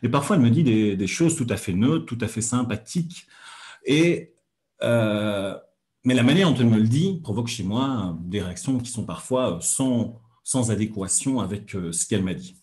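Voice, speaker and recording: A man hosting a weekly hypnosis lesson, talking calmly with frequent hesitant pauses and fillers. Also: medium pitch. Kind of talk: calm teaching talk on a livestream.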